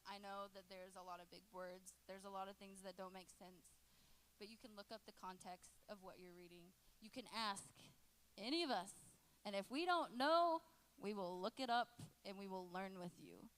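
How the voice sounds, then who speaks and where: A young woman in her late twenties gives a youth group talk. She is relaxed and jokes with the teens. Her voice sits at a middle pitch. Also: normal speed, poor audio. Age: 20s. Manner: lively and joking, chatting with teens in the room. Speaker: youth pastor.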